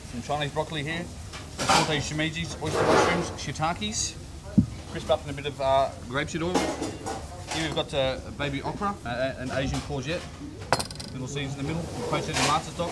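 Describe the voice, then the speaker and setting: Man, head chef, informal blunt talk in a higher register, noisy kitchen recording. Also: steady tone, brisk.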